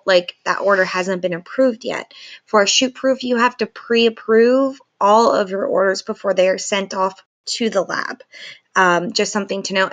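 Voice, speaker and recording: A woman in her thirties with a sore throat gives a chatty, informal software walkthrough as a photographer. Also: medium pitch, dull audio. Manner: chatty, loose phrasing with many likes. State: sore throat, painful to talk. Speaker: photographer presenting a software tutorial. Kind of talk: casual walkthrough and review to camera. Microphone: screen recording with webcam.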